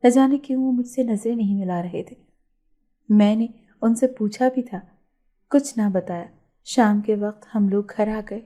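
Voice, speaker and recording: Woman narrating a story in a mellow voice. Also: medium pitch. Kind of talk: first-person story narration.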